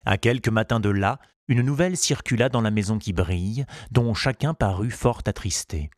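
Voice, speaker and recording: A man reading a children's storybook aloud in a measured, unhurried way. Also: on the low side, no room sound, studio quality. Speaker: narrator.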